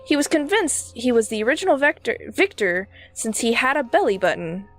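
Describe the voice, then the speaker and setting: A woman with a brisk, sing-song, higher voice reads game dialogue aloud. She voices a baby character as a world-weary old man who rambles through his stories.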